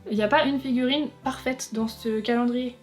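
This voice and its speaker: A young woman chatting casually as a vlogger, reviewing figurines in a frank, teasing way that is quick to complain. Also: fairly high pitch, fairly even intonation. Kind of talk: casual chatty unboxing commentary. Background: faint background music.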